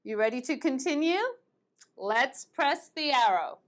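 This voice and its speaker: A woman teaches an online English grammar lesson, patiently repeating verb forms in a high-pitched, animated voice at an unhurried pace. She grew up between the United States and England.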